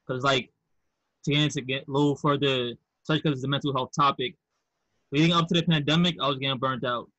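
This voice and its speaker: A man's voice: medium pitch, fairly even intonation, fast talker, bright, forceful tone, no echo, highs cut off. A man from Queens, New York with a Queens accent, talking candidly and casually as a podcast guest. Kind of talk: casual conversational interview.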